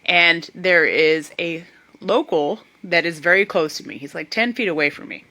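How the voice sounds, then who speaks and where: A woman's voice: fairly low pitch, moderate pace. A young woman animatedly telling a comic travel story to her camera. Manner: animated, puts on voices for others. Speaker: vlogger. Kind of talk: casual storytelling.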